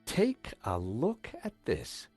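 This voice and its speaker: An actor playing a wry, curious American amateur sleuth in a video game, talking conversationally. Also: male voice, mid-range voice, wildly swooping pitch, takes it slowly, darkish tone, slightly rough, faint music behind, exaggerated voice. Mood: intrigued.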